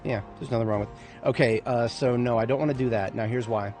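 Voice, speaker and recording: A man's voice: medium pitch, steady tone, fast talker, over music. A man giving casual, rambling commentary on a game as a streamer, with playful, self-mocking remarks. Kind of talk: casual let's-play commentary.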